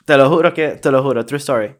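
A young man with a Venezuelan accent, casually telling a story on a podcast, slangy and animated, acting out what people said. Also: medium pitch, fast talker. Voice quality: animated, slangy, acts out quoted voices. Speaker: podcast co-host.

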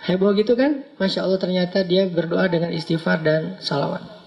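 A man's voice: high voice, steady tone, fairly quick, gravelly, dull audio. A man from Aceh, giving a casual, humorous storytelling sermon and laughing as he talks. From Aceh, Indonesia. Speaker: preacher.

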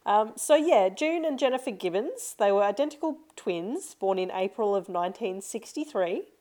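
A woman's voice: mid-range voice, expressive, normal speed, warm tone. A woman co-hosting a casual podcast, chatting and telling a spooky story with frequent laughs and fillers. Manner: chatty, laughs often, tells stories with lots of fillers. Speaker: podcast co-host. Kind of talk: casual chat.

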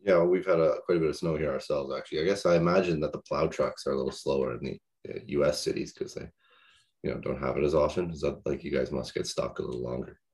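Very deep, fast-talking male host. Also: steady tone, darkish tone. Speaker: podcast host. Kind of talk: casual interview chat.

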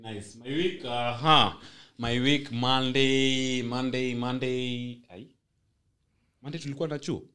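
A man's voice: medium pitch, fairly even intonation, a little slow, bright, forceful tone, clean tone. A young man with a Kenyan accent hosting a podcast in casual, joking, teasing banter. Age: young adult. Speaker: podcast host.

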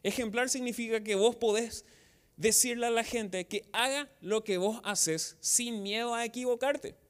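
A man's voice: very high voice, measured pace, clean tone. A man with a Paraguayan Spanish accent preaching a sermon as pastor, asking the congregation rhetorical questions and acting out quotes. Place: outdoor church service.

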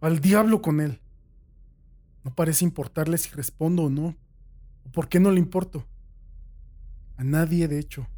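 A man's voice: on the high side, moderate pace, pauses often. A man reading a first-person horror story aloud as a dramatic scripted narration. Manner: dramatic reading that swings from hushed to shouted.

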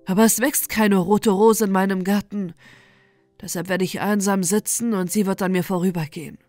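A woman's voice: mid-range voice, fairly even intonation, moderate pace, darkish tone, no echo, faint music behind, natural voice. A woman voicing a lovesick, despairing young male student in a bedtime storybook reading, lamenting in a dreamy way. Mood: longing.

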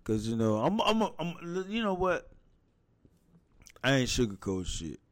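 A man's voice: medium pitch, very animated, a little slow, dry recording. A man guest in casual profane chat, blunt and preachy, tagging "man" onto his lines. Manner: laid-back, blunt, preachy, says "man" a lot.

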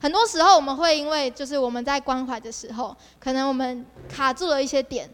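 A young woman, a district leader, preaches at a youth service in a high, fast voice that carries a big-room sound. She's animated and keeps firing rhetorical questions at her listeners.

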